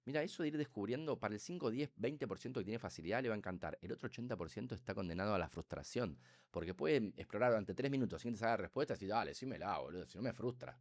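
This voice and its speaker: Man, Rioplatense accent, middle-aged, rapid-fire, lively swooping pitch, a bit low. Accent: Rioplatense Spanish. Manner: animated, rapid and talkative, with sound effects and acted-out quotes. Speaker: neuroscientist guest. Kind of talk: casual podcast explanation.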